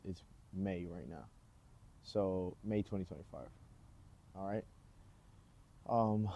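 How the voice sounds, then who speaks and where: A man in his 20s introduces himself in a vlog outdoors, with rain nearby. His low voice carries a little hiss or hum, and he rambles in a relaxed way, full of fillers.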